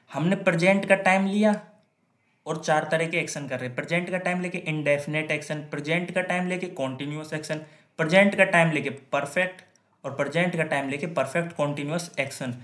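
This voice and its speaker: A man's voice: on the high side, fairly bright tone. A male grammar teacher lecturing in Hindi, asking and answering his own questions and repeating example sentences. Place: classroom with whiteboard. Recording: echoey room.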